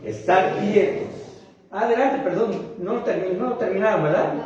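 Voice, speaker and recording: High-voiced Mexican pastor in an echoey church. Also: male voice, a crowd in the background. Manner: addresses the congregation, often tags "¿verdad?"; slow, emphatic phrasing of key words. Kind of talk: sermon. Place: church sanctuary. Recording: very echoey hall, mic at a distance, dull sound.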